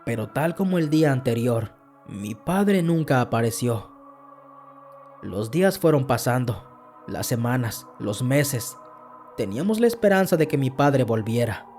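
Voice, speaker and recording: Man narrating a horror tale, warm and lively. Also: mid-range voice, unhurried, soft background music. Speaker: podcast narrator. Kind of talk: scripted first-person horror narration.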